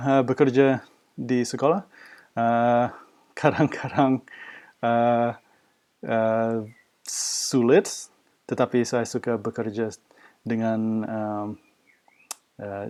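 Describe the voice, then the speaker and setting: A man's voice: lowish voice, darkish tone. An Australian man, a native English speaker, talking about himself as a foreigner in a learned language, with an Australian accent and hesitant searching for words. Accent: Australian-accented Indonesian. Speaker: language teacher. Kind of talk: unscripted personal talk, like an oral interview answer.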